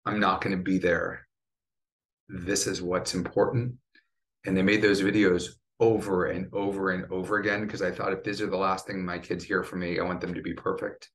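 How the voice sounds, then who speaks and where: Deep-voiced middle-aged guy telling his cancer story, earnest, voice catching now and then. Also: little pitch movement, moderate pace, a bit bright. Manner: earnest, choked up at times. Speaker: cancer survivor and patient advocate. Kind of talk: emotional podcast interview.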